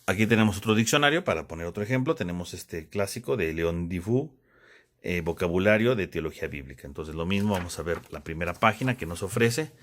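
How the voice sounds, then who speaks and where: A man's voice: sits low, expressive, quick pace, fairly bright tone. A man teaching a theology lesson, explaining step by step and checking in with tag questions. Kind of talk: classroom lesson.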